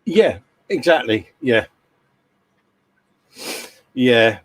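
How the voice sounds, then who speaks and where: A man's voice: medium pitch, sing-song, extremely slow, slightly rough, no room sound. A man with an English accent tinged with Scouse, hosting a model-building stream in casual, rambling chat and laughing often. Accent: English with a slight Scouse hint.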